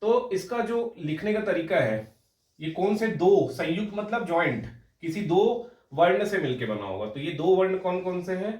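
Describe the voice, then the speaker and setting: A fairly high-voiced young man teaching an exam prep class, spelling sounds out patiently and checking in with students again and again. He sounds a little away from the mic, and the room gives his voice a noticeable echo. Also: lively intonation, moderate pace, a little mellow, distant mic. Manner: explanatory, repeats words, frequent "ठीक है?" check-ins. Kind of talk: Hindi grammar lecture.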